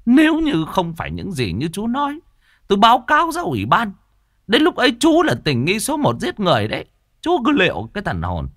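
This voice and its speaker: A man voicing a skeptical older village chief who talks in a gruff, scolding, sneering way. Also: high-pitched, wildly swooping pitch, fairly quick, a bit bright, dry recording, clean studio sound, voice pushed up, heavily acted. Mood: scornful bossiness.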